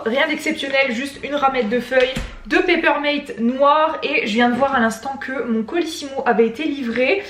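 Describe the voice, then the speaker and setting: A woman with a French accent and a distinctly high voice chats casually to her vlog audience. She is recorded at home, and the room adds a clear echo around her words. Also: fairly bright tone, a little hiss or hum. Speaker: vlogger. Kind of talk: casual chatty studio vlog. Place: indoors at home. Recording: echoey indoor room.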